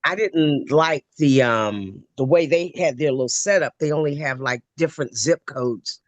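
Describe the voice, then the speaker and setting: A woman's voice: deep voice, normal speed, dry recording. Woman telling her story on a call. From Ohio, USA. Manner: talkative, loose storytelling with many fillers. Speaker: webinar participant. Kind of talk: casual conversation. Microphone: video call.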